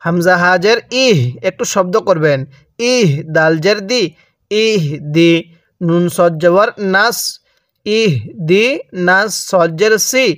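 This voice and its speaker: A man with a Bangladeshi Bengali accent teaching Quran reading. He spells out each syllable slowly and has learners repeat after him. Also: sits high, fairly bright tone, dry recording, studio quality. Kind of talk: spelling-out recitation lesson.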